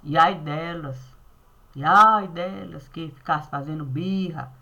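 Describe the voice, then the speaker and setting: A woman telling a personal story in a playful, animated way, acting out the dialogue. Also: deep voice, takes it slowly, vocal fry, lo-fi sound.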